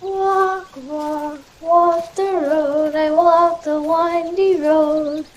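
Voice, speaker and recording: Young boy, slow sing-song delivery, high voice, score underneath. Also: steady tone, faint music behind, full character voice.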